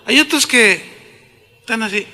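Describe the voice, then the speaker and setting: Animated Mexican pastor in a big hall. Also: male voice, very high voice, unhurried. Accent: Mexican Spanish. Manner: animated storytelling, acts out voices. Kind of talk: sermon. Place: large church auditorium. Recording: long hall reverb.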